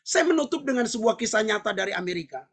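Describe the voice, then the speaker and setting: Seorang pendeta pria menyampaikan khotbah dengan penuh semangat, sering berseru dan tertawa di sela poin. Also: male voice, high-pitched, fast talker, husky. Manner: animated, shouting and laughing between points. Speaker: pastor. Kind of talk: sermon.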